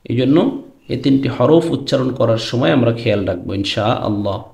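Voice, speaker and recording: A man's voice: mid-range voice, creaky, a little mellow. A man teaching Quran letter pronunciation, explaining to his students and drawing out the letter names as he says them. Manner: drawn-out chanted letter names between explanations; addresses students directly. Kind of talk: pronunciation lesson. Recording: echoey room.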